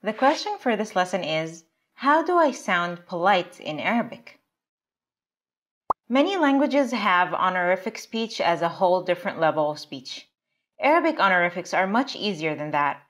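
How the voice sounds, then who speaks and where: A woman teaching a language lesson as the show's teacher, explaining grammar in a clear, deliberate way and slowing down for example phrases. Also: on the low side, sing-song, a bit bright. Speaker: Arabic teacher.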